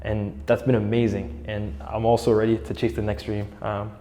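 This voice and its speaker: A man's voice: fairly low pitch, little pitch movement, normal speed. A man in his twenties from Egypt, sharing his faith testimony in an earnest, reflective way. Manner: earnest and reflective, quotes his own inner thoughts. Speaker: church member sharing testimony. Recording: long reverb with soft guitar music.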